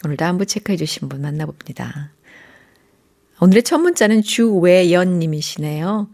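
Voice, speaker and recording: A woman hosting a radio program, gently talking and reading out listener messages from a studio microphone. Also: fairly low pitch, expressive, normal speed, gravelly. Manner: gentle, reads listener texts aloud.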